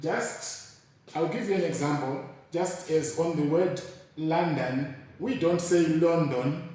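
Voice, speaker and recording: Slow man in echoey room. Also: a little high, darkish tone. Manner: slow, deliberate, repeats each word as an example. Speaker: pronunciation teacher. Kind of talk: explanatory lesson. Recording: very echoey room, mic far off.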